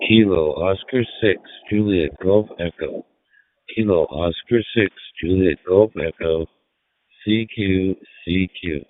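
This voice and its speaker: A man giving call signs in a slow, measured, formal way as an amateur radio operator, heard over ham radio with static. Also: sits low. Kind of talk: radio contact exchange. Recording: narrow phone-like radio audio.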